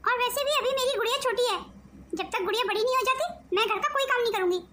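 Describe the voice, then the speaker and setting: A woman voicing a spoiled, sharp-tongued young wife in a cartoon family drama, taunting and petulant. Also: very high voice, fast talker.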